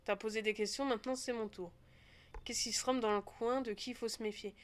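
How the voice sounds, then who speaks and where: A woman's voice: a little high, fairly even intonation, fairly quick, close to an everyday voice. A woman doing a cold monster hunter, mixed accent. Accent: mixed put-on accents. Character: hard male hunter of monsters, cold and self-righteous.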